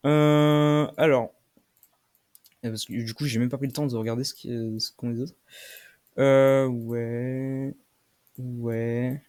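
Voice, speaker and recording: A young man commentating his own game play, swearing often and shouting when he loses. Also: mid-range voice, flat delivery, slow, pauses often, clean tone. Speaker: gaming streamer.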